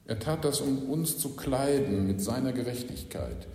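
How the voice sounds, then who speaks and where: A man preaching a sermon as pastor, earnest, with rhetorical questions, moving between hushed and emphatic delivery. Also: mid-range voice, expressive, moderate pace. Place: church. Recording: echoey church hall with long reverb.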